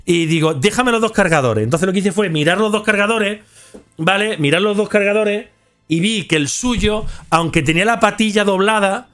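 A man's voice: high voice, normal speed, fairly bright tone, faint music behind. A man, telling a rambling, slangy anecdote to his viewers. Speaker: content creator. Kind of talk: casual storytelling to camera.

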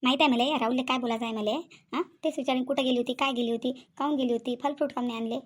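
A woman voicing complaining rural women of a joint family in a cartoon, with a Vidarbha Marathi accent and a quick, chattering manner. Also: high-pitched, steady tone, breathy edge. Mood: worried. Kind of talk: cartoon voice acting.

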